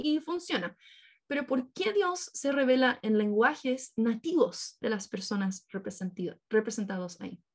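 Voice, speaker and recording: A woman preaching a sermon to her congregation, painting vivid scenes and often checking in with her listeners. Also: high-pitched. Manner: engaging, keeps checking in with listeners; vivid storytelling with imagined scenes.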